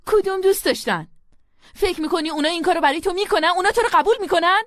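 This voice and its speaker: Dub drama: woman playing a scolding mother, high, lively voice, soft music behind. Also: noisy background, natural voice. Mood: angry. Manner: scolding and urgent. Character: angry, protective mother forbidding her daughter's marriage. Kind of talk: dubbed TV drama.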